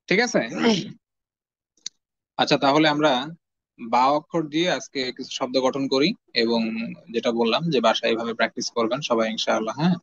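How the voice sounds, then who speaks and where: A man teaching the Arabic alphabet in an online lesson, patiently drilling letter sounds with steady repetition. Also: a little high, dry recording. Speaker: Quran reading teacher. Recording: dull lo-fi audio.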